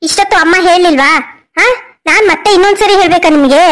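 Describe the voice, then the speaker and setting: A woman's voice: very high voice, fast talker, fairly bright tone. A woman as a defiant young wife. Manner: defiant, retorting. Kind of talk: cartoon voice acting.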